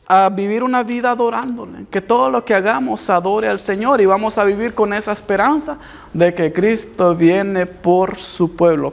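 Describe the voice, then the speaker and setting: A man's voice: high-pitched, vocal fry. A male pastor preaching a sermon in earnest, repeating phrases for emphasis. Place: church.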